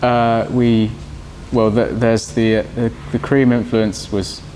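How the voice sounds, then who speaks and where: A young man, a band guitarist, giving halting interview answers with many restarts. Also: medium pitch, flat delivery, darkish tone. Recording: faint background noise.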